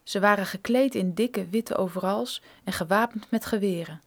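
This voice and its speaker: A woman's voice: mid-range voice, moderate pace. Woman narrating a thriller audiobook.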